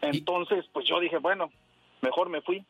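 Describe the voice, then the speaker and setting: A man's voice: fairly high pitch, fairly even intonation, unhurried, fairly bright tone, slightly rough. A man from Puebla phoning in to a radio show to tell a story, acting out the dialogue in raised voices. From Mexico, Puebla. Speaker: caller. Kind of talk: phone-in story. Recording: muffled phone call with radio music.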